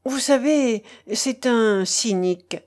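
A fretful young man, as a woman reader voices him, forever explaining and apologizing in a slow, anxious way. His voice sits in a plain middle pitch. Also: a little mellow. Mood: fussy explaining. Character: nervous, fussy young man, the apologetic companion.

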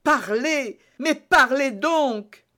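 Give me a man reading as an earnest young officer in an audiobook, high and unhurried. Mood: urgent. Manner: earnest, urgent.

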